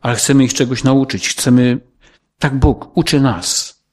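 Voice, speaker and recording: Husky, earnest male preacher. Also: mid-range voice, measured pace. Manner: earnest, repetitive, pleading. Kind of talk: sermon.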